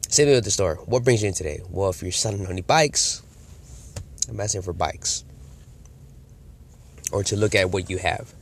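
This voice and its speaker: Congested from a cold, a man with a low, slightly nasal voice coaches on sales in a casual talk to camera, acting out both customer and salesperson lines. He speaks at a moderate pace with long pauses, and there's slight background noise.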